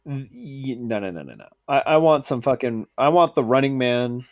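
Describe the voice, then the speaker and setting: A man co-hosting a podcast in a casual, profane rant. His pitch swings widely as he gets worked up, and he swears freely while he talks. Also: moderate pace. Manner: animated, ranting, swears freely. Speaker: podcast co-host.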